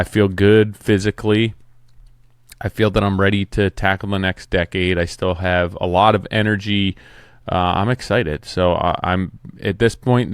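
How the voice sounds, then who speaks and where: Plainspoken man in his forties, clear dry voice. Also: lowish voice, dry recording. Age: 40s. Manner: plainspoken, conversational, some restarts. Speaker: podcast host, home builder. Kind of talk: casual solo podcast talk.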